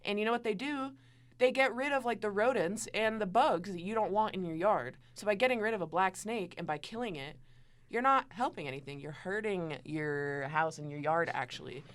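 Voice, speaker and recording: A woman's voice: mid-range voice, normal speed. A young woman co-hosting a casual morning chat show, telling stories with quoted asides. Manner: chatty, storytelling with quoted asides. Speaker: co-host.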